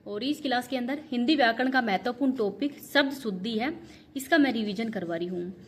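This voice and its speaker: Woman with a Rajasthani Hindi accent, exam revision teacher, fairly high voice, drills each word, close mic. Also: fairly quick, slight background noise. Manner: drills each word, stressing the correct spelling.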